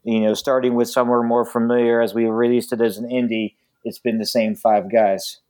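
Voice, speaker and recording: A man speaking as a musician guest in a casual interview, halting often with frequent ums and uhs. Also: medium pitch, flat delivery, a little mellow.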